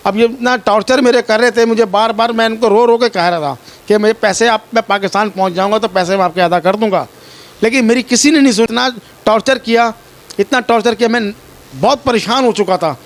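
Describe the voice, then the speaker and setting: Telling a reporter what happened to him, a man from Pakistan speaks briskly in a high voice. His account is distressed and pleading, with a lot of repetition.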